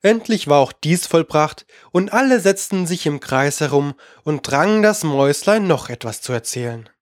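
Measured storybook narrator. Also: mid-range voice, animated, no room sound, studio quality. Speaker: audiobook narrator. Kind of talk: storybook reading.

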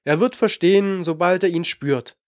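A man's voice: high voice, moderate pace, dry recording, clean studio sound, close to an everyday voice. A man voicing a young male apprentice mage who speaks in an urgent, clipped, grave way. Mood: reassuring.

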